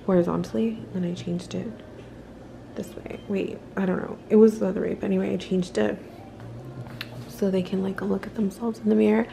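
A young woman with a hoarse voice chatting casually in a vlog about her new business, often dropping to a soft half-whisper. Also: mid-range voice, level tone, a little fast, a little hiss or hum, poor audio. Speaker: vlogger, sugaring business owner. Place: in a car in traffic.

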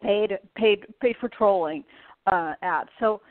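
A woman's voice: mid-range voice, slow, no echo. A woman from Portugal, a podcast guest, talking in a hesitant way with many fillers. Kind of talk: remote interview. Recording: tinny phone-like line, dry.

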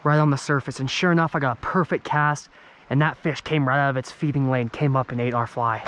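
A young man hosting a casual fishing and camping vlog, talking excitedly to viewers from a riverbank and a truck camper, recorded on an action camera. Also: medium pitch, a little hiss or hum. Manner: excitable, chatty, addresses viewers as guys. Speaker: fishing vlogger. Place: riverbank outdoors, then inside a truck camper.

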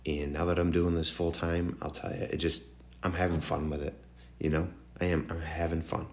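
A woodworking channel host narrates a tutorial in a loose, rambling, informal way, speaking directly to viewers. His deep, gravelly voice has little pitch movement and a moderate pace, and it sounds a little nasal and congested from the morning.

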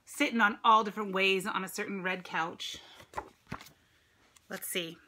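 The recording is very noisy: a middle-aged American teacher reads a picture book to children in a medium-pitched voice with fairly even intonation and a measured pace. She reads expressively, with chatty asides and questions for her listeners. She's at home in a room with a dresser and ceiling fan, recorded on a phone or tablet at arm's length.

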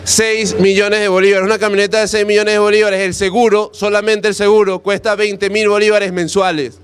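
A man's voice: sits high, little pitch movement, a little fast, clear, resonant tone. A man in his thirties with a Venezuelan Spanish accent, giving an impassioned political speech into a handheld mic in an outdoor plaza. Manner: forceful, repetitive rallying cadence, gesturing hard. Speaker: activist speaking on street radio. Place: outdoor plaza under a canopy. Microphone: handheld mic close to mouth.

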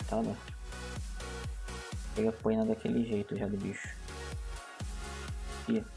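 Brief: Brazilian male game streamer, gravelly, slangy and laid-back, headset mic, faint music underneath. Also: lowish voice, level tone, normal speed. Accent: Brazilian Portuguese. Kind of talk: casual gameplay commentary on a livestream. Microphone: livestream headset microphone.

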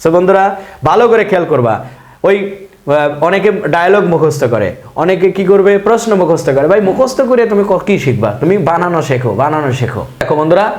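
A man's voice: high voice, expressive, fast talker, darkish tone, reverberant. A man teaching a spoken English lesson in a chatty way, repeating words to drill them and asking and answering his own questions.

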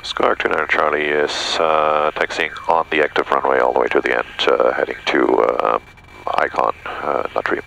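A young man piloting a small plane, making clipped radio calls with frequent fillers and chatting casually to the camera through a headset boom mic over engine drone. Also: little pitch movement, normal speed, creaky, sharp tone, poor audio. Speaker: pilot and show host. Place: small plane cockpit in flight.

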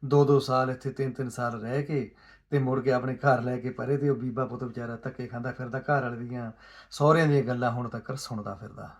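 A man's social commentary comes across as sincere and pleading, mixing rhetorical questions with soft asides and bursts of emphasis. He speaks briskly at medium pitch with fairly even intonation.

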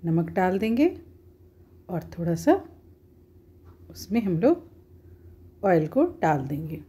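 A woman's voice: on the low side, big pitch swings, takes it slowly, warm tone, breathy edge. A woman at home, talking viewers through a cooking recipe step by step in a plain, homely, instructive way. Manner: homely, instructive, often says "dekhiye".

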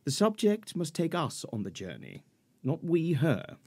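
An actor playing a pompous, fussy middle-aged lawyer in a period radio drama, formal and precise about legal procedure. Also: male voice, fairly high pitch, huge pitch swings, measured pace, vocal fry, a little mellow, slightly rough, exaggerated voice. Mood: exasperated. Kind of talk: 1940s-set radio drama acting.

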